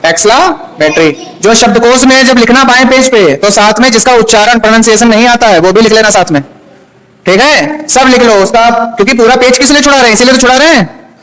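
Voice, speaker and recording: A man's voice: extremely high pitch, fast talker, fairly bright tone. A male teacher giving a classroom grammar lesson, often stopping to check that his students have understood. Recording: echoey room.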